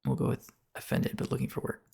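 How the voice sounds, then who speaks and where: A man's voice: fast talker, dark tone. A man narrating a game playthrough, reading on-screen text and dialogue choices aloud. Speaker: let's play narrator. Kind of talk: let's play commentary.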